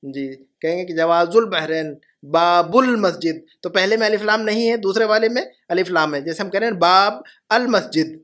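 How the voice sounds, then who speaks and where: A middle-aged man with a high voice leads a classroom lesson. He speaks patiently and repeats each phrase slowly so his students can follow along. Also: fairly bright tone. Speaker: Arabic teacher.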